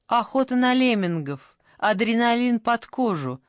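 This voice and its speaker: A woman voicing a brisk, strict young female phone operator in an audiobook, pushy and salesy, recorded dry and close. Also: a little high, expressive, no echo, voice pushed up. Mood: pushy selling. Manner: pushy, salesy, rattling off offers. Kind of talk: audiobook character voice.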